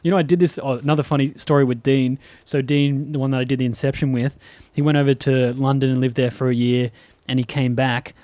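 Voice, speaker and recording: A man's voice: medium pitch, steady tone, fairly quick, warm tone, dry recording. A man, a comedian co-hosting a podcast, chatting in a playful, teasing way. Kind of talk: casual chat.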